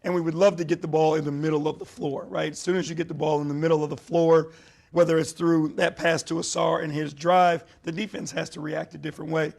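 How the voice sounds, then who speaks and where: A man, a coach, calmly explaining his team's offense in an interview. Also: fairly high pitch, vocal fry. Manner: measured, explanatory. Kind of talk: interview about team strategy.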